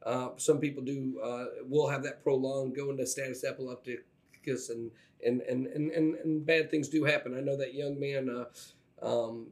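Halting man on a podcast. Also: medium pitch, steady tone, darkish tone. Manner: halting, many fillers and restarts. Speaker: podcast co-host. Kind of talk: casual podcast chat.

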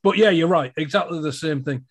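A Northern English man speaks in a fairly high voice. He is an actor chatting casually about his trade, and he tells his stories in an animated way, full of asides. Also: a little fast. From Northern England. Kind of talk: casual chat.

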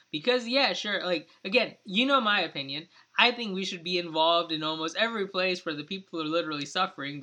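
A man's voice: high voice, pushed and bright. A man co-hosting a podcast, arguing politics in a heated, rambling way, full of "like" and "I mean". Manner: impassioned, rambling, many "like" and "I mean" fillers. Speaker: podcast co-host. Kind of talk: casual political debate.

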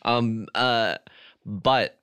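A man's voice: mid-range voice, very slow, pushed and bright, smooth, dry recording. A young man hosting a casual podcast chat, joking about himself and laughing often. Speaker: podcast host.

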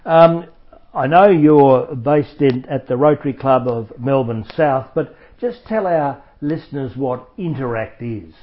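A man's voice: mid-range voice, a little slow. Formal male community radio interviewer. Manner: formal, effusive introductions. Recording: dull lo-fi radio recording.

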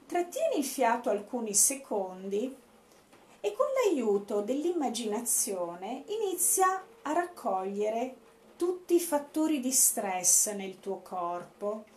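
A woman leading a guided breathing meditation as an instructor, speaking in a deliberate, instructive way with pauses. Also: fairly high pitch, sing-song, darkish tone. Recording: echoey room, faint background noise.

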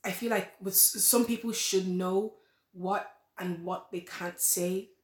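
This eighteen-year-old woman studies nursing and appears as a podcast guest, her mid-range voice unhurried and fairly even in intonation. The casual interview chat is rambling and full of restarts and soft laughs, all captured with a roomy echo.

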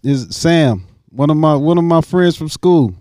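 Mellow, easygoing podcast host, a man. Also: on the high side, measured pace, no room sound. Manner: easygoing, laughs often, rambling. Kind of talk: casual podcast chat.

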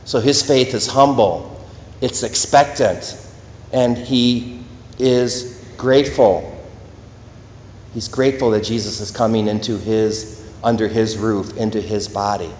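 An earnest priest preaches a homily, pressing his points home with steady emphasis. His voice rings through a large church with a long, roomy echo. The recording sounds dull and lo-fi. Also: lowish voice, takes it slowly, pauses often, a little hiss or hum. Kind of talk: sermon. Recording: echoey church hall, dull lo-fi.

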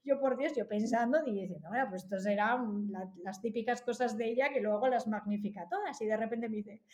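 A woman from Spain in her forties, a mother telling a family story in a lively way. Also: on the high side, brisk, echoey room. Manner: animated, acts out quoted voices. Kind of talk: casual storytelling.

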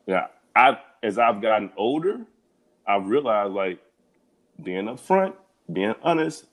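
A young adult man chatting casually as a podcast guest, laid-back and slangy, rambling with lots of restarts. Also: on the low side. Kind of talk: casual chat.

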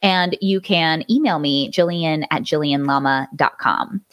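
A woman's voice: sits low, a little slow, a bit bright. A woman guest on a podcast, chatting in a bubbly, giggly way as she tells a story. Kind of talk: casual interview chat.

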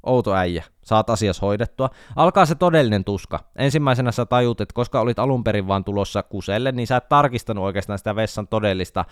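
A man's voice: on the low side, few pauses, smooth, no echo, studio quality. A man hosting a podcast, telling a self-mocking comic story in a casual monologue. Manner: wry, self-mocking storytelling with animated outbursts. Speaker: podcast host.

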